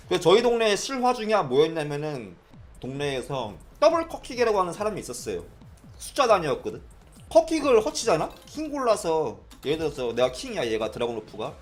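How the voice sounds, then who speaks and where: A young Korean man tells old stories in a casual chat. His voice is a bit high and swings up and down a lot, and faint music plays under it. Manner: animated, mimics people in quoted lines, laughs often. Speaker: streamer recalling arcade days.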